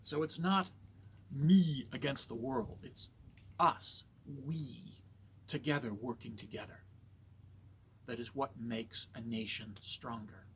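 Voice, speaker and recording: A man from Canada talking in a slow, measured, somewhat preachy monologue. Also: mid-range voice, slight background noise. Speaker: vlogger.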